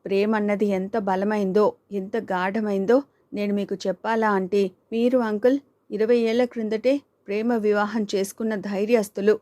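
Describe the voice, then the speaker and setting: A woman's voice: medium pitch, little pitch movement, normal speed, lightly acted. A woman voicing Kanchana, an outspoken young woman who scolds and urges her friend, in an audiobook reading. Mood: arguing. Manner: scolding, urging, sharp retorts.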